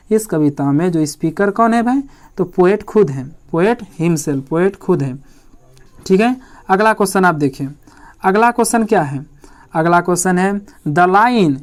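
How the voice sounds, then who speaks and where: Guy teaching exam prep in hindi, says everything twice, asks then answers himself, reads english lines slow. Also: high voice. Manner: repeats each point, asks questions then answers them himself; reads English quiz lines slowly, word by word.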